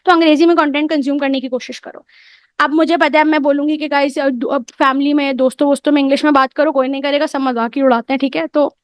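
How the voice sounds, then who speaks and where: A young woman gives a casual English lesson, mixing English phrases into her Urdu and often checking in with her students. Her voice sits high. The recording is close and dry, with no room sound. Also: dry recording. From Pakistan. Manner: mixes English into Urdu, often asks "theek hai?". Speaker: English teacher. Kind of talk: casual online lecture.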